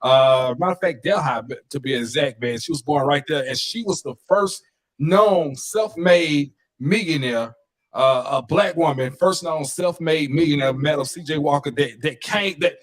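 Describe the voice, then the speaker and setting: A man's voice: on the high side, normal speed. A man from Louisiana, co-hosting a podcast in an enthusiastic, casual way, dropping "man" often. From Northeast Louisiana. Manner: enthusiastic, says "man" a lot. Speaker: podcast co-host.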